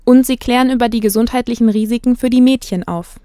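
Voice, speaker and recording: A woman radio reporter reading a scripted narration in a measured, factual way. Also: on the high side, fairly even intonation, warm tone.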